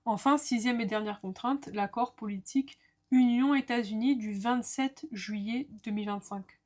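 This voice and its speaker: Woman teacher, fairly high voice, methodical explainer with friendly asides to the viewer. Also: moderate pace, a little mellow. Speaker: law lecturer. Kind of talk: explanatory lesson.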